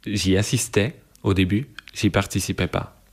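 Searching for his words, a young interviewee talks in a deep, low voice, slow and calm. His thoughtful reflections are marked by frequent pauses and restarted phrases as his thinking unfolds.

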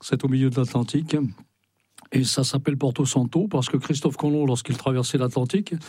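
Mellow-voiced man telling stories in a dry studio. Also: medium pitch, brisk, husky, no echo. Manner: rambling, storytelling, stumbles on words. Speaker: radio guest, writer and sailor. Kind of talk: radio interview.

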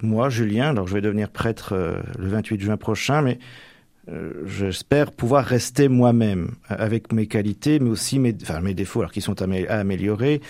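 Young man from Normandy, lowish voice, dry close sound; hesitant interviewee with lots of fillers. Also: mellow, no room sound. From Normandy, France. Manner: hesitant, many fillers and restarts. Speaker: seminarian about to be ordained priest. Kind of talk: radio interview.

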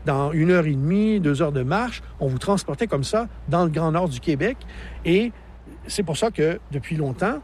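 A man's voice: fairly high pitch, lively intonation, normal speed, a little mellow, a little hiss or hum. A man in his sixties with a Québécois accent, an enthusiastic park naturalist explaining the landscape outdoors, laughing easily. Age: 60s. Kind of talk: outdoor interview.

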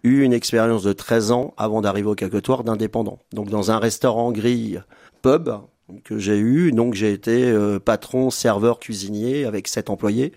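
Talking on the radio, this chef and restaurant owner in his fifties, originally from France, halts and restarts frequently, leaning on filler words. He has a fairly low-pitched, darkish voice and speaks at a moderate pace.

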